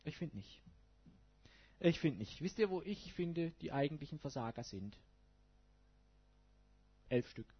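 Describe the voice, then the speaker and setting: A man's voice: on the high side, expressive, measured pace, pauses often, husky. A man preaching a sermon to his congregation in a colloquial way, putting rhetorical questions to his listeners. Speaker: pastor. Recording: dull lo-fi recording.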